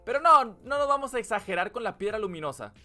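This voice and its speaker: A Mexican man with a high, bright voice. He thinks aloud as he builds, keeping up relaxed, chatty gameplay commentary. Faint music runs in the background. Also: fast talker. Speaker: gaming channel host.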